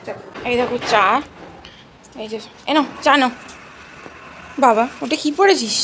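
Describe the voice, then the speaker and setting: A young woman with a high, light voice talks easily to her viewers as if they were friends. She speaks close to a phone camera in her home. Steady household noise runs under her voice throughout. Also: unhurried. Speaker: home vlogger. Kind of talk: casual home vlog. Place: family home. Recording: noisy home recording.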